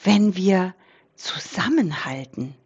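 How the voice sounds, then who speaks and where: Woman doing a soft, shy young doe. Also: lowish voice, sing-song, takes it slowly, breathy edge, lo-fi sound, heavily acted. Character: shy young female deer.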